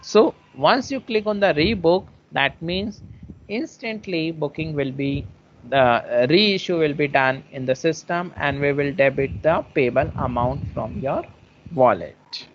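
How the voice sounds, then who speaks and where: A man leads an online product webinar, walking through each feature step by step and often rephrasing himself as he goes. His voice sits a little high for a man. The audio is somewhat dull and muffled, with a faint hiss underneath. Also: measured pace. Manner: explains step by step, often restating phrases. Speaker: webinar presenter.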